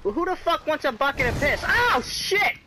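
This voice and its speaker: A young man giving let's-play commentary on a horror game, excitable and cursing, yelling at enemies. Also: extremely high pitch, moderate pace, background noise. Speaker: gameplay commentator.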